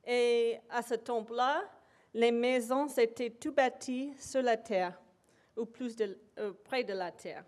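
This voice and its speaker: In a lecture hall, a woman whose first language is English delivers an academic talk as an invited speaker. Her speech is slow and halting, full of pauses and fillers, and her rather high voice has a darkish tone.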